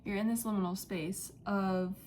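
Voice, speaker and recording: A young woman giving a spiritual channeling message, talking in a halting, dreamy way with many fillers and slipping into soft whispers. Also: medium pitch, fairly even intonation, slight background noise. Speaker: psychic channeler. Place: indoors near a window, street and birds outside.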